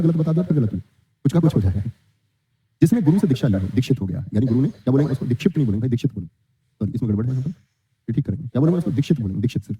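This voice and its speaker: Man teaching an exam-prep class, very fast speech, asks and answers his own questions, muffled lo-fi sound. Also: mid-range voice, warm tone. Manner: quizzing, answers his own questions, reads student comments. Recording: dull lo-fi sound.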